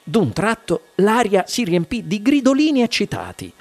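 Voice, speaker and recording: A man reading a children's novel aloud on radio, with lively, animated narration. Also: high voice, moderate pace, creaky. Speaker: audiobook reader. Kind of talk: expressive storybook narration.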